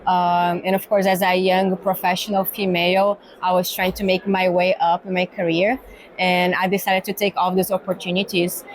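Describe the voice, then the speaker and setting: A Brazilian woman with a Brazilian Portuguese accent, a pharma cargo executive, answers interview questions as a guest in an exhibition hall. Her lowish voice is flat and moderately paced, and she speaks thoughtfully with many fillers, often ending points with "right?", on a rough recording.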